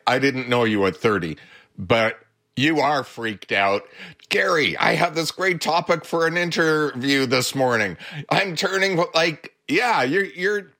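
Slow-talking older man telling stories. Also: a little high, bright, forceful tone. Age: 70s. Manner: chuckling anecdotal storyteller. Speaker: therapist and social worker guest. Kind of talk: radio interview, storytelling.

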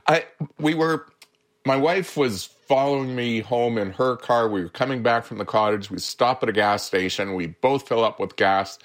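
A man's voice: medium pitch, a bit bright. A man, a therapist guest on a radio show, telling anecdotes with frequent chuckles. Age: 70s. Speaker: therapist and social worker guest. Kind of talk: radio interview, storytelling.

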